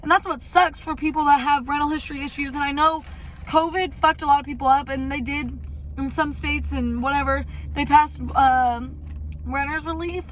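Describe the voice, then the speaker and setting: A woman's voice: high-pitched, fairly even intonation, normal speed, slight background noise, low-quality recording. A young woman talking casually and candidly in a rambling life-update vlog, with some mild swearing. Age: young adult. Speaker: vlogger.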